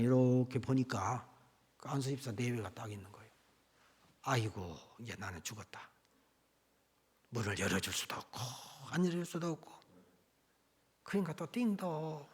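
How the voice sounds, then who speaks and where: A man preaching as a pastor, telling a sermon story in an animated way that swings between loud and hushed. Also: mid-range voice, slightly rough. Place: church.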